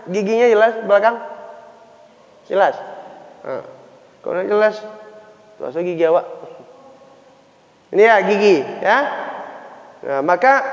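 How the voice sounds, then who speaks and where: A man teaching Quran pronunciation, repeating syllables slowly for students to copy. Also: high voice. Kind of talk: classroom lesson on pronunciation. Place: mosque hall. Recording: echoey hall, dull lo-fi sound.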